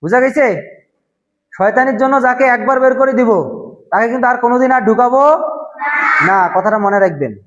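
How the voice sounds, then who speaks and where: A male Quran teacher, shouting questions and drilling a class of children, scolding them sternly. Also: extremely high pitch, fairly quick, pauses often. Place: crowded classroom indoors. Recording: muffled lo-fi, loud children and noise.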